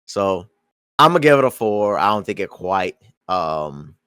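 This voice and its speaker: A man's voice: sits low, measured pace, clear, resonant tone, no echo, clean studio sound. A man co-hosting a podcast, chatting casually about a movie and often repeating his opening words. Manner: relaxed, repeats words when starting sentences. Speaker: podcast co-host. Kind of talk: casual movie review chat.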